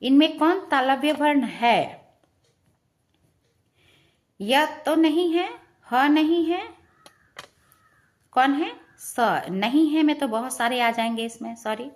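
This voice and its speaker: Slow, high-voiced woman teaching. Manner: patient, repeats questions and answers, often asks "है ना". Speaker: Sanskrit grammar teacher. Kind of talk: classroom lesson explaining to students.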